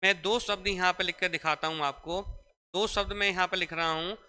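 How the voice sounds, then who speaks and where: Bright-voiced male grammar teacher. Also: sits high, fairly even intonation, a little fast, clean tone. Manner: explains step by step, repeats key points, calls students beta. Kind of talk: classroom lecture. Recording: echoey room with long reverb.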